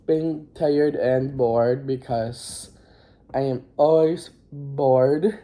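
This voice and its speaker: Teenage student, very mellow dark tone, slow pace, halting and rambling, casual phone vlog. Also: medium pitch. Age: teens. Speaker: high school student vlogger. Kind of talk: casual recap vlog to camera.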